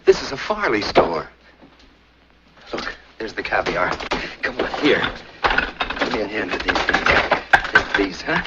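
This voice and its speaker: A man's voice: lowish voice, sing-song, takes it slowly, pauses often, very noisy. Exasperated screwball newspaperman, muffled film sound. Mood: breezy. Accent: American. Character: exasperated, fast-talking newspaperman, indignant and scheming. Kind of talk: screwball comedy banter in 1940s film acting.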